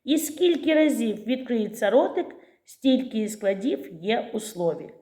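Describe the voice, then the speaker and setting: A woman teacher with a Ukrainian accent giving a preschool literacy lesson in a slow, clear, sing-song voice to small children. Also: on the high side, very animated, dark tone.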